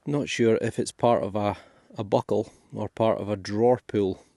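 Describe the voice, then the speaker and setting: A man's voice: fairly low pitch, steady tone, normal speed, warm tone, no echo, clean studio sound. A Scottish man giving chatty, thinking-aloud commentary as he digs finds in a field for his metal detecting vlog. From Scotland. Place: outdoors in a field.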